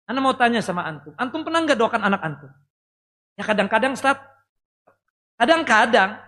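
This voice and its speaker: A man preaching to his congregation in a lively voice, firing questions at the listeners and cracking small jokes. His tone is bright and forceful. The sound carries a long hall reverb. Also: very high-pitched, quick pace. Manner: lively, talks directly to the audience, jokes and asks questions. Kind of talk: Islamic sermon.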